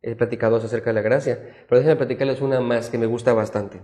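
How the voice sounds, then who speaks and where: A man, a pastor preaching a sermon with emphatic storytelling that drops to quiet, soft tones. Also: medium pitch, steady tone, fast. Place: church, streamed live.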